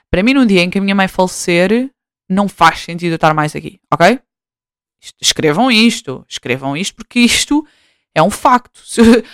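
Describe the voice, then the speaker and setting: A woman's voice: medium pitch, clear, resonant tone, no echo, studio quality. A young woman with a European Portuguese accent, hosting her own show and talking in a loose, slang-filled ramble with lots of fillers and restarts. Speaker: podcast host. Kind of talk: casual rambling monologue.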